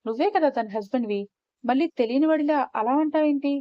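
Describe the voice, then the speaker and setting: A woman's voice: high voice, quick pace, no echo, natural voice. A woman voicing a stern, hot-tempered elder brother who talks in an accusing, demanding way, in a story reading. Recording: slightly dull, muffled recording.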